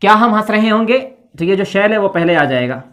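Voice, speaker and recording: A woman's voice: mid-range voice, animated, moderate pace. A woman teaching English grammar at a board, explaining patiently step by step, checking in after each point and spelling words letter by letter. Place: indoor classroom with a board.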